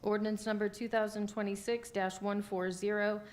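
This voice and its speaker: Flat-voiced American woman reading minutes. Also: medium pitch, normal speed, a little hiss or hum. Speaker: clerk reading minutes and legislation. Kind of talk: formal reading of minutes and legislation. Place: indoor council meeting.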